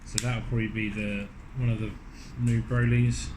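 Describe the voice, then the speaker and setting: A man's voice: medium pitch, normal speed. A man giving casual, matter-of-fact commentary and reading out the text of game cards. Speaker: card game box opening co-presenter. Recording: steady background hum and room noise.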